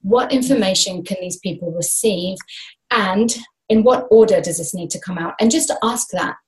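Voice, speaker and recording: A woman in her thirties, appearing as a guest speaker, speaks at a normal pace in a medium-pitched voice on a laptop video call. She's casual and animated, gesturing widely with both hands in a small room. The recording, made through the webcam, is rough.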